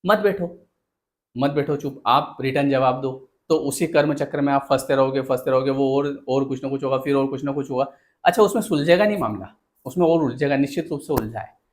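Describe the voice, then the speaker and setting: A man's voice: medium pitch, a little fast. A man giving a motivational talk as a speaker and counsellor. He speaks earnestly, asks rhetorical questions and addresses his listeners directly.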